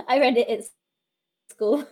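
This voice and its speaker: A chatty young woman in her twenties, hosting a casual podcast with a fairly high voice. She laughs often and drifts through fillers as she talks. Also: animated, slow pace, darkish tone. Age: 20s. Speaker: podcast host. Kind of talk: casual chat.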